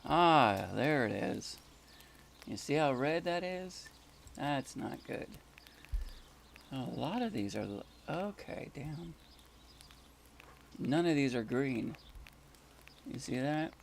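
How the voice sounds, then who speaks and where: A man's voice: medium pitch, big pitch swings, slow pace, creaky, pauses often, a little hiss or hum. A man casually commenting on his game and muttering complaints about lag and connection trouble. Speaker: gamer streaming a solo playthrough.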